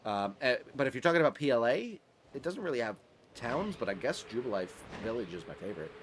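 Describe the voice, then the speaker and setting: A man's voice: mid-range voice, big pitch swings, fast, a little hiss or hum. Chatty male game streamer. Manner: rambling, laughs often, restarts sentences. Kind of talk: casual live-stream chat while gaming.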